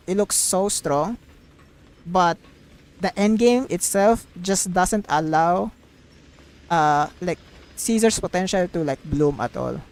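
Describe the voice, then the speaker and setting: On a dry recording, a female live streamer offers loose, meandering commentary on gaming in a mid-range voice. Forceful and full of opinions, she hammers her points by saying phrases again.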